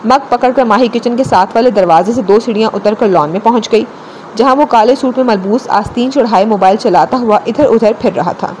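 A woman's voice: fairly high pitch, a little mellow, a little hiss or hum, low-quality recording. Woman narrating an audio novel. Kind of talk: scripted narration of a romance novel.

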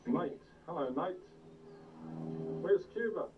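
NZ father narrating home video, slow and chatty, off-mic, old VHS tape sound. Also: high-pitched, expressive. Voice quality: playful, chatty narration to family and kids. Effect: old VHS camcorder tape sound. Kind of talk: casual commentary while filming. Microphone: camcorder mic. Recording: muffled old VHS tape, distant, hiss.

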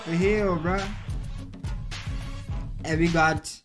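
Young male reaction host: excitable, slangy, drawn-out delivery, voice sitting a little high, music up loud behind him. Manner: excitable, slangy, keeps saying "hey, bro". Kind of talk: casual reaction commentary. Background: clear music from the clip being watched.

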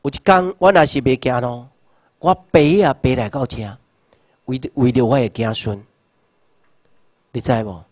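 A Taiwanese man in his sixties gives a rousing political lecture. He asks rhetorical questions and shouts slogans. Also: medium pitch, normal speed, pauses often, no room sound, studio quality. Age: 60s. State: numb hands and feet. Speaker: seminar lecturer.

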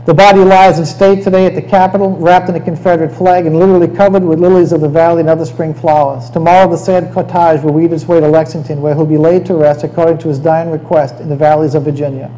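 A man's voice: a little high, steady tone, fast talker, hardly any pauses, dark tone, rough recording. A man giving a conversational history lecture over slides, often checking in with "okay?".

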